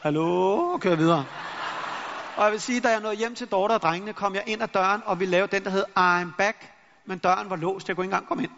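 A high-voiced middle-aged man speaks as a motivational speaker, acting out anecdotes with lively energy. His voice rings with a long hall reverb, and the recording sounds dull and lo-fi. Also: slight background noise. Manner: lively storyteller who acts out anecdotes. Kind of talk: motivational talk to an audience.

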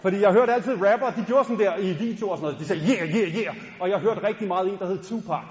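A man from Denmark telling a funny story on stage to a live audience, playful and talking straight to the crowd. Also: high-pitched. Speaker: stand-up storyteller and rapper. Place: large concert hall. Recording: echoey hall, dull sound.

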